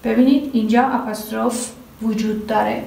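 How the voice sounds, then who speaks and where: A woman teaching English grammar at a board, quizzing students and answering herself, drawing out her example sentences slowly. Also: a little high, fairly even intonation, creaky, warm tone, distant mic. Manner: asks the class questions and answers them herself. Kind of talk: grammar lesson at a whiteboard. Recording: echoey room, voice from off the mic.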